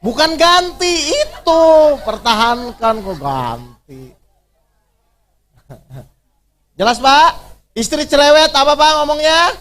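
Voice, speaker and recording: High, bright-voiced preacher quizzing his audience. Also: sing-song, slow pace, long pauses. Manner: quizzes the audience with constant questions; conversational, teasing, plain everyday examples. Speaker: Islamic preacher leading a workshop. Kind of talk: interactive religious workshop talk.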